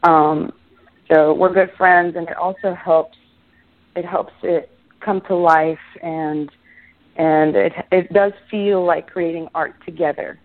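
A woman from Israel talks in a low-set voice over a tinny, phone-like line. She rambles casually as an interview guest, with many restarts and fillers. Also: steady tone, takes it slowly. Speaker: musician guest.

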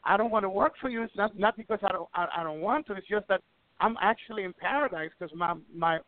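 A man's voice: high voice, fast, no room sound. A middle-aged man from Ecuador telling wrestling stories in a casual radio interview, rambling with many restarts. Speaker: wrestling promoter and guest. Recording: tinny phone line.

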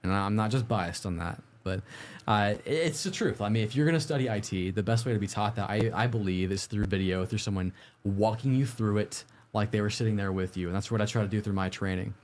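A man with a fairly low voice hosts a casual livestream. He delivers advice in an upbeat, orderly vlogger manner, talking informally and directly to his viewers and often putting questions to them. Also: a little fast, few pauses. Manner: informal, conversational, posing questions to the audience. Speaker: host of a live-streamed IT study show.

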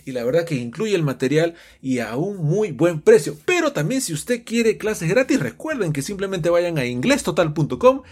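A man teaching English phrases to Spanish speakers, explaining with animated energy and playfully acting out his students' questions. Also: fairly high pitch, normal speed, few pauses. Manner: playfully acts out students' questions in raised voices.

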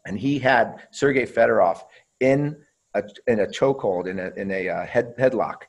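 Guest type: ex-pro hockey player, deeper man's voice, loose and profane, rambling storyteller. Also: normal speed, rough recording. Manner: rambling, profane, repeats words and restarts. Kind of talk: casual interview storytelling.

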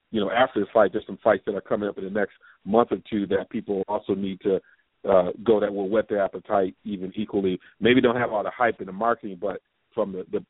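A man's voice: fairly low pitch, slightly rough, no echo. A man hosting a sports podcast in a casual, rambling way, circling back over his phrases as he goes. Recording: dry, phone-like narrow sound.

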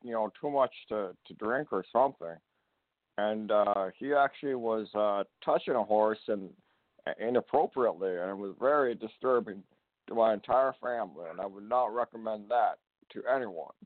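A man from Alabama calling in to the show over a delayed phone line, speaking haltingly with many pauses. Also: fairly low pitch, dry recording. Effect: laggy phone line with delay. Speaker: caller. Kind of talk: casual call-in chat. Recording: tinny dry phone line.

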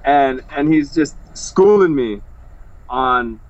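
A man's voice: mid-range voice, expressive, slow, dry recording, highs cut off. A man, a fighter, chatting casually in an interview in a laid-back, rambling way full of slang and fillers.

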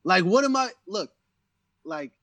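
A man's voice: high voice, lively intonation, unhurried, fairly bright tone, no echo. A man from Central New Jersey, a battle rapper as interview guest, talking loosely with many "you know what I'm saying" fillers. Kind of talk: casual interview chat.

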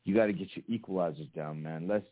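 A man's voice: low-pitched, fast. An American man in casual, teasing radio banter, swearing freely and repeating himself. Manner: profane, teasing, repetitive. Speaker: radio show co-host. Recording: muffled narrow phone-line sound.

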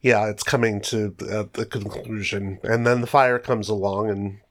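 Lowish guy hosting a podcast, keeps the chat moving. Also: fairly even intonation, moderate pace, fairly bright tone. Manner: steers the talk, brief asides. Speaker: podcast host.

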